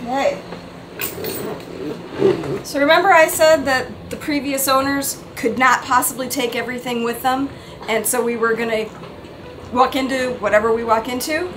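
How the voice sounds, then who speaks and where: A woman's voice: sits high, fairly even intonation, normal speed, long pauses, noisy background. Wry woman leading a cabin tour. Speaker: boat owner giving a tour. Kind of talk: casual walkthrough vlog. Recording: music playing underneath.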